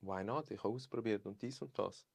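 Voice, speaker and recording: A young man with a Swiss German accent, chatting openly as a podcast guest, expressive and sprinkling in English phrases. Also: lowish voice, a little fast, gravelly, no echo. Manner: expressive, mixes English phrases, laughs often. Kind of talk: casual chat.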